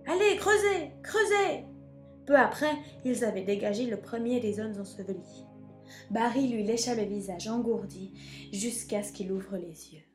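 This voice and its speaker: A woman reading a children's storybook aloud in an expressive, measured way. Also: mid-range voice, soft background music.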